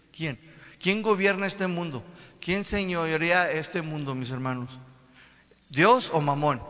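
A man preaching an animated sermon, putting questions to his congregation again and again. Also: on the high side. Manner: animated, repeats "my brothers", asks the congregation questions. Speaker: pastor. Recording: long hall reverb.

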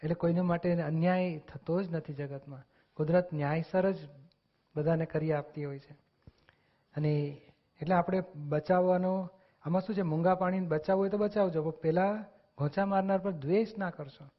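Man, spiritual discourse, earnest and explanatory, slightly high voice, dull lo-fi sound. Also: fairly even intonation, moderate pace. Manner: earnest, explanatory, acts out quoted dialogue. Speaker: spiritual discussion speaker. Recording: dull lo-fi recording.

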